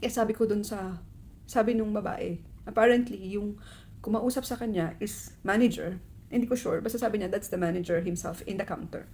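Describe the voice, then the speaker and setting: A woman in her thirties tells a personal story for her vlog. Her voice is mellow and dark-toned, and she slips between Tagalog and English, lifting her pitch when she quotes herself. A faint hum of room noise sits behind her. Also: moderate pace. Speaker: mother telling a personal story.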